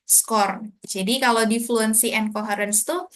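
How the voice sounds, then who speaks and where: A woman's voice: a little high, fairly even intonation, unhurried. A woman with an Indonesian accent teaching an online lesson as an English tutor, explaining in a mix of Indonesian and English.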